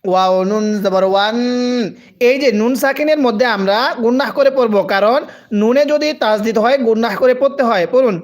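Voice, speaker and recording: A man's voice: extremely high pitch, a little fast. A man who teaches Quran reading live, spelling out letters and vowels, drawing out each word, and urging listeners to read aloud with him. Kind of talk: live Quran reading lesson, call-and-repeat.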